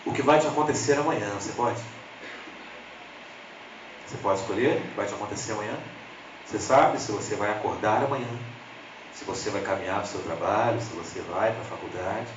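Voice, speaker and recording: A man with a Brazilian Portuguese accent preaches briskly as a lay preacher, broken up by long pauses, telling humorous stories and chatting with the congregation. When quoting people he slips into lively high voices. Background noise and the echo of the church sanctuary come through, with him slightly distant.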